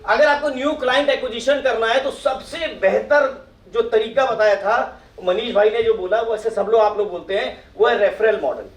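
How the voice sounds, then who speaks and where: Middle-aged male speaker at a professional meet; quizzes the room, high pitch, distant roomy sound. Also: normal speed. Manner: asks the audience questions and acts out their replies. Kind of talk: motivational talk to an audience. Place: meeting hall with audience. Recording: echoey hall, mic from far off.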